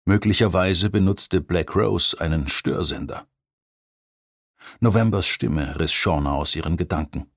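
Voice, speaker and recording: A man narrating a thriller audiobook in a measured, even storytelling voice. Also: low voice, no room sound, studio quality. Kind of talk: scripted narration.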